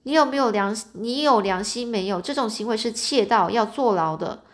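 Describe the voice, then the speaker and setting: As a woman reads the story aloud, an outraged middle-aged banker father hurls accusations at his son in a scolding voice. He sounds a little high-pitched for a man. His lines are delivered in a loose, spoken storybook telling. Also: expressive, brisk, close to an everyday voice. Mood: furious.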